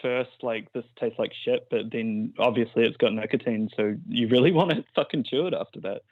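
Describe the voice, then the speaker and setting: A man's voice: medium pitch, fairly quick, dry recording. A man with a broad New Zealand accent chatting casually and laid-back as a phone-in caller, with plenty of slang and swearing. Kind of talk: casual chat. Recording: tinny, narrow phone-line sound.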